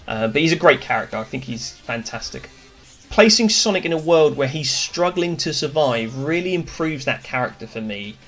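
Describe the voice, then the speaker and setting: A man's voice: on the high side, expressive, moderate pace, a bit bright. A man hosting a casual cartoon review, talking through his opinions in a chatty, enthusiastic way. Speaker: host.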